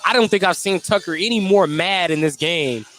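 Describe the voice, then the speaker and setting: In a gym, a high-voiced radio announcer delivers live basketball play-by-play at a moderate pace, his tone a little bright with faint music in the background. His running commentary comes in clipped bursts that name every move as it happens.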